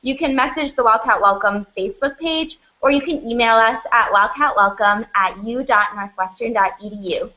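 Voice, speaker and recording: A woman's voice: a little high, moderate pace, hardly any pauses. A young woman moderating a student panel, organized with a few fillers. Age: young adult. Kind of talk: hosting a panel. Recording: dull lo-fi audio.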